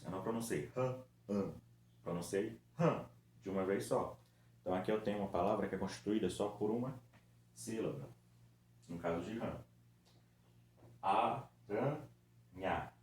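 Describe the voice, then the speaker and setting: A male teacher with a Brazilian Portuguese accent talks children through a recorded lesson. His voice sits fairly low and he stretches words out patiently, one syllable at a time. The room echoes and there is a faint hiss behind him. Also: a little mellow. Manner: patient, drawn-out syllable-by-syllable demonstration.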